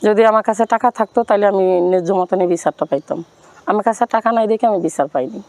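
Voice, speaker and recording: A woman from Rangpur, Bangladesh, speaking with a Bangladeshi accent, tells her life story earnestly and plaintively while appealing to viewers. Her mid-range, dark-toned voice races along, and the recording is dry.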